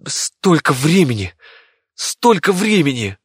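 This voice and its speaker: A man's voice: a little high, normal speed, a bit bright, slightly rough, no echo, voice pushed up. Man playing a worn-out impatient boy, voice a bit raised, dry close mic. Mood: frustrated. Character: weak, impatient teenage boy. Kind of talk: audiobook character voice.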